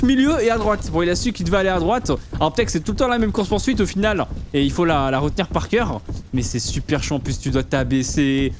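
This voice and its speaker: A man's voice: high-pitched, darkish tone, slight background noise. A man giving casual commentary on a game, explaining things to the viewer in informal, slangy language. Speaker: gaming video host.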